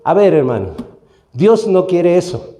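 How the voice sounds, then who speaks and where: Mexican pastor preaching in an echoey church. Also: male voice, high voice, sing-song, unhurried, mellow. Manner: teaching, asks the congregation questions. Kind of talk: sermon. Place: church hall.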